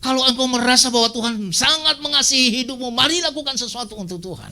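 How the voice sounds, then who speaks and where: A man preaches in a church, sharing a personal testimony with heart. His voice surges loud in exhortation, then sinks to a hushed, near-tearful confession. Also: very high voice, quick pace. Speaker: guest preacher. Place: church sanctuary.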